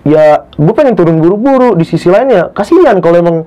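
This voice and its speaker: A young man tells a true ghost story from a hike as a guest in casual talk. He gets excitable and keeps addressing the host as "Bang". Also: a little fast. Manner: excitable, pitch jumps when tense, keeps calling the host "Bang". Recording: dull lo-fi podcast recording.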